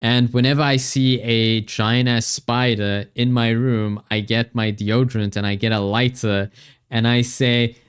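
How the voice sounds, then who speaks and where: A man's voice: mid-range voice, level tone, measured pace, clear, resonant tone. Upbeat male streamer on a headset mic. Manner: chatty, rambling, upbeat. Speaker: livestreamer. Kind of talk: casual stream chat thanking viewers. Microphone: livestream headset mic.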